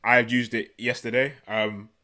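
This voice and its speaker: A man's voice: mid-range voice, little pitch movement, unhurried, sharp tone. A man with a London accent, chatting casually as a podcast co-host. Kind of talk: casual chat.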